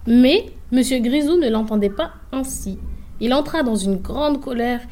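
A woman narrating a children's story in an expressive, lively way. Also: a little high, a little slow, slight background noise. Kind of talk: scripted narration.

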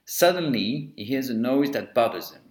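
A man reads a children's storybook aloud with a lively, sing-song lift and fall in his voice. His tone stays mid-range and even. The recording has a noticeable roomy echo around it. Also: medium pitch, moderate pace. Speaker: narrator. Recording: echoey room.

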